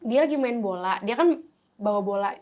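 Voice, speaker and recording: A young woman, an actress guest on a podcast, telling a story in lively casual chat. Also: mid-range voice, a little fast, a little hiss or hum. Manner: lively storytelling, acting out quoted voices.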